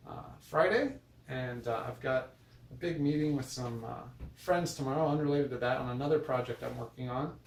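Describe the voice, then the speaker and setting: An American video blogger with a medium-pitched, darkish voice talks in a casual, rambling vlog style, hesitant and often correcting himself as he meanders. The mic is distant in a roomy space, with noise.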